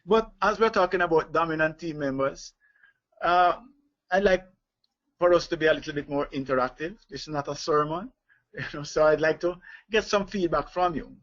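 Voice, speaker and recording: A man's voice: a little high, moderate pace, fairly bright tone. A man leading a live online leadership training, talking with many fillers, restarts and chuckles. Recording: dull lo-fi webinar audio.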